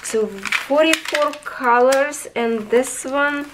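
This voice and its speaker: A craft reviewer with a high, hoarse voice, losing it as she speaks, does a casual unboxing slowly at a tabletop indoors. She's chatty and enthusiastic, talking to viewers like friends, with background noise present.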